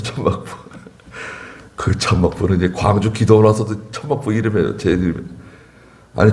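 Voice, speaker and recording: A man's voice: sits low, darkish tone. A male pastor preaching a sermon in church, telling stories with chuckling asides. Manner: anecdotal storytelling, chuckling asides.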